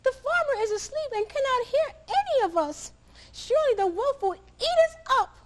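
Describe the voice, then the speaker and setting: A woman voicing a proud, frantic little hen that clucks in a shrill, high squawk for a children's story. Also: animated, normal speed. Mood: panicked.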